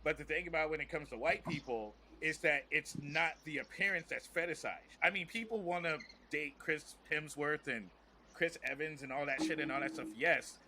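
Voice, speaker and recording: On a podcast, an American comedian and host talks casually but with strong opinions, hammering his points with emphasis and repeated phrases. His voice is a little high, bright, and forceful, moving at a normal speed.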